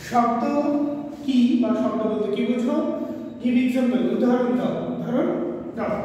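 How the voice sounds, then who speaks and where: A man with a Bangladeshi accent teaching a class of young pupils, speaking slowly and spelling words out for them to repeat. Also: very high voice, fairly even intonation, warm tone, heavy reverb, in a large hall, far from the mic, slight background noise, low-quality recording. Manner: slow, repeats and spells words for students to follow.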